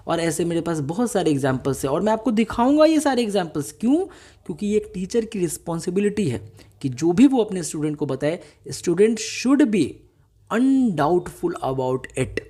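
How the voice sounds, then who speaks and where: A man lecturing exam candidates in a mellow, dark-toned voice. He presses his points with rhetorical questions and slips English phrases into his talk. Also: sits high. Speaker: exam-prep teacher. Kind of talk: YouTube lecture.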